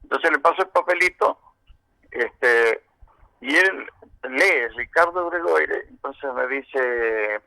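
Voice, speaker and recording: A man's voice: medium pitch, expressive, takes it slowly, creaky, bright, forceful tone, no room sound, low-quality recording. A man in his seventies with an Argentine accent, a veteran musician recounting his early years in a long, winding interview answer full of "este" and "eh". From San Juan, Argentina. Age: 70s.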